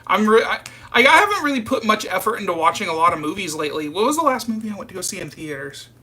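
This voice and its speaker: A southern US man in his early 30s hosts a live stream, answering viewer comments in a casual, rambling way and calling them "you guys." His voice is high, bright, and forceful with a breathy edge, and he talks quickly and very animatedly.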